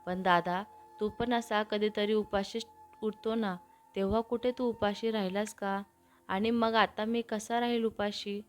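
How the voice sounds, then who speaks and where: A woman's voice: mid-range voice, fairly even intonation, unhurried, faint music behind, natural voice. A woman voicing a sleepy, cheeky young man bantering with his elder brother in a storybook reading.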